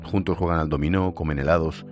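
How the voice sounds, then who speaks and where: A man with an extremely low, deep voice narrates a scripted piece and then talks casually with his guest, calling him mate. Music plays softly under him throughout. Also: fairly even intonation, quick pace. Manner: informal with guest, calls him macho and tío. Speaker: radio host.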